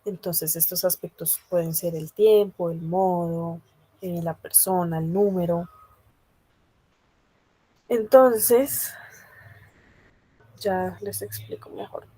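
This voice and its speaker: A woman's voice: on the low side, slow pace, pauses often, warm tone. A woman teaching a grammar lesson to a class, talking patiently with many hesitation fillers and often checking that students understand. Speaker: language teacher.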